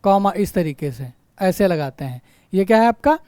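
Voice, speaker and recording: High-voiced man teaching Hindi grammar. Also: lively intonation, normal speed, warm tone, smooth, dry recording, clean studio sound. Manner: asks rhetorical questions and answers them himself; keeps checking in with "right?". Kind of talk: online exam-prep lecture.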